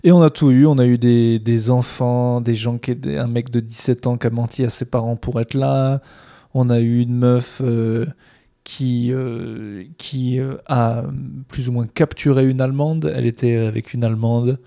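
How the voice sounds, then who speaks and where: A stand-up comedian talks by himself on his podcast, rambling and sardonic, with plenty of fillers. His medium-pitched voice is steady and mellow, moving at a normal speed through the casual solo monologue.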